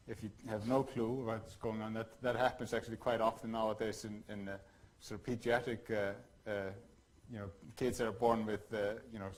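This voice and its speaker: A man from Iceland giving a workshop lecture, talking in a halting way with many fillers and restarts. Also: lowish voice, poor audio.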